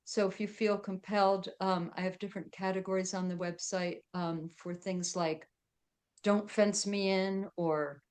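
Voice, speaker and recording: A woman's voice: lowish voice, flat delivery, moderate pace, hardly any pauses, darkish tone, smooth. A middle-aged woman chatting as a podcast guest, with lots of fillers and frequent laughs. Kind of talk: casual interview chat.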